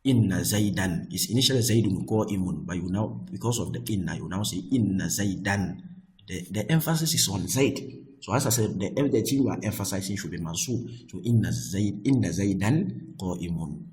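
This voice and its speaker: A man's voice: sits low, animated, brisk, darkish tone, slight background noise, rough recording. A man teaching Arabic grammar in English, explaining a classic text and often restarting his phrases and repeating words.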